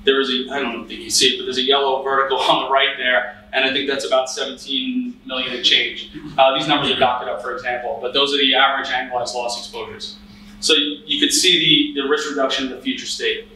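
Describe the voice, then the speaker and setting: Speaking quickly with a level tone, a thirtysomething cyber risk analyst delivers a conference talk in a hotel meeting room, his medium-pitched voice bright and forceful. The delivery is conversational, with frequent fillers and restarts, captured from a distance in an echoey room.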